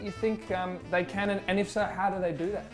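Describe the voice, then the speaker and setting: A man's voice: high voice, flat delivery, a little fast, over music. Earnest man asking questions. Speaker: host. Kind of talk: casual interview chat. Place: indoor games room with pool table.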